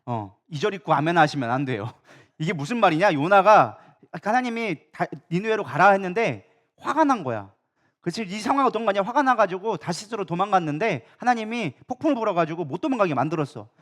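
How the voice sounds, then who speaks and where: A man preaching a sermon as pastor, animated and acting out quoted complaints. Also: sits high, brisk. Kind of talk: lively sermon.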